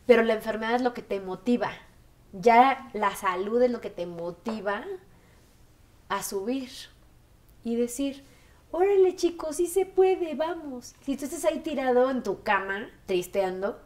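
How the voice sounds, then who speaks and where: A woman in her thirties with a Mexican accent, telling her story in a documentary interview and acting out the voices she quotes. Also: on the high side. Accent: Mexican Spanish. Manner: animated, acts out quoted voices.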